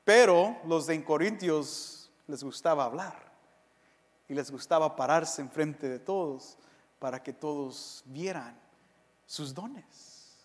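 A man preaching a sermon in an animated way, acting out the voices of the people he quotes. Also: a little high, slow. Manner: animated, acts out quoted voices, mixes in English slang. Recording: reverberant hall.

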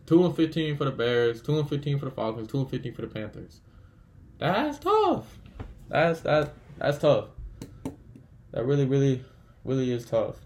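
A man hosting a casual solo sports podcast, bluntly trash-talking teams and thinking aloud as he tallies win-loss records. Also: medium pitch. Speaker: podcast host.

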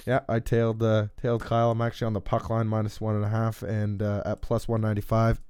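A man's voice: lowish voice, completely flat delivery, fast talker, darkish tone, clear, resonant tone, no room sound. A young man hosting a casual sports podcast, laid-back, laughing often and passing topics to his co-hosts. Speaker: podcast host.

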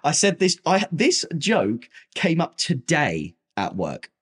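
A man's voice: a little high, huge pitch swings, slow pace, fairly bright tone, husky. A man co-hosting a podcast, teasing and joking in casual chat, laughing often. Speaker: podcast co-host.

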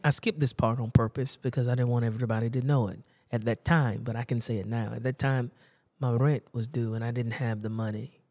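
A male preacher telling a personal story in a conversational sermon, repeating himself for emphasis. His voice sits at an ordinary middle pitch. The recording is dry with almost no room sound. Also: a little mellow, no room sound.

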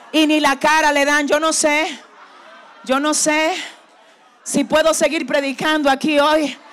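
A high-pitched woman pastor delivering a fervent sermon. She moves from shouted exhortations down to quiet, intimate lines and back again. She keeps calling on the congregation to repeat her words and to turn to their neighbors. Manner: fervent preaching, swings from shouting to hushed tones; leads the congregation with call-and-response commands.

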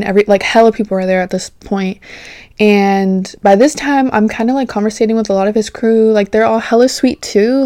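A woman's voice: medium pitch, a little mellow, no echo, clean studio sound. A young woman host telling a story in a casual, chatty way, saying "like" constantly, swearing freely and laughing often. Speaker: podcast host.

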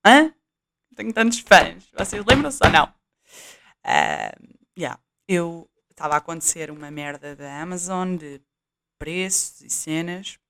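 In her home vlog, a young European Portuguese-accented woman tests a cheap new USB microphone, moving it around as she goes. Her fairly low, smooth, fairly bright voice is very animated yet measured in pace, and her chatter wanders with lots of fillers and restarts.

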